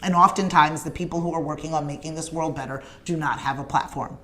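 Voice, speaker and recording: Speaking straight to the camera on her morning livestream show, a woman urges viewers on with earnest emphasis and a repetitive rallying rhythm, addressing people in the comments by name. Her low voice is steady in tone, a bit bright, and quick.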